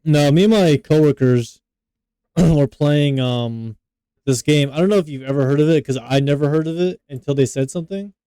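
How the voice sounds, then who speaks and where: A man's voice: fairly high pitch, normal speed, mellow, clean tone, no room sound. A young man co-hosting a podcast, talking loosely and profanely with lots of filler words. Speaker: podcast co-host. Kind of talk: casual podcast chat.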